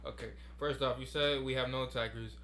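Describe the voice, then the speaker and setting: A man's voice: mid-range voice, fairly even intonation, a bit bright, a little hiss or hum. A man co-hosting a podcast, arguing a football point and pushing on over interruptions. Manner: fast, insistent, talks over interruptions. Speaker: podcast co-host. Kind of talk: casual sports debate.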